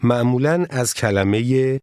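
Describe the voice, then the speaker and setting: A man narrating a scripted language lesson in a measured, formal teaching manner. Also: mid-range voice, a little mellow, no echo, clean studio sound.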